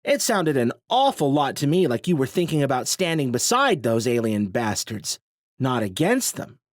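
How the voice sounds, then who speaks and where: A man's voice: medium pitch, very animated, normal speed, no room sound, studio quality, pitched above the performer's own voice, natural voice. A man voicing a smug, nasal male resistance commander who sneers and accuses. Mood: goading.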